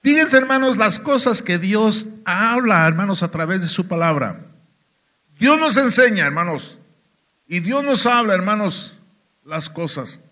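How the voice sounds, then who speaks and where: A man's voice: high-pitched, expressive, measured pace, bright, forceful tone. A man with a Mexican accent preaching a sermon testimony in a church, talking emphatically and often turning to the congregation. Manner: emphatic, keeps addressing "hermanos".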